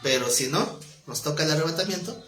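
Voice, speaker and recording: A man teaching a Bible study class, keeping it conversational and quizzing his students with quick questions. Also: a little high, animated, fairly bright tone, soft background music. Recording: roomy echoing classroom.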